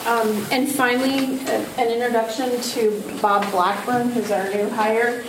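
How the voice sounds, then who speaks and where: A woman's voice: fairly high pitch, steady tone, unhurried. A woman informally leading introductions at a meeting in a room. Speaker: meeting facilitator. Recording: echoey room, distant mic, background noise.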